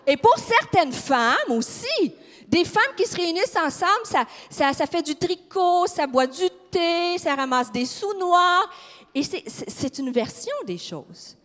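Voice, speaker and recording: A woman's voice: very high-pitched, very animated, unhurried, a bit bright. A woman with a Québécois accent preaching a fiery, emphatic sermon and putting questions to her audience in a church hall. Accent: Québécois French. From Quebec. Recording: long reverb of a large hall.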